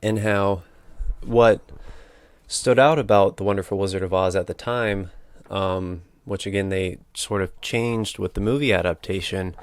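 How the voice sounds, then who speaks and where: A man's voice: sits low, clean tone, no room sound. A man hosting a casual solo book discussion. He thinks aloud and hesitates, correcting himself as he talks into a battery-powered microphone. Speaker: podcast host.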